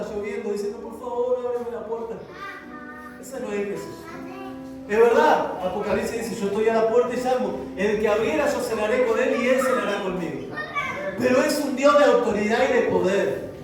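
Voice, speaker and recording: A man preaching a sermon as pastor, reading scripture aloud and acting out its quotes with fervor. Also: very high-pitched. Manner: fervent preaching, voicing scripture quotes dramatically. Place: church hall. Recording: echoey hall, voice from a distance, music behind. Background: music.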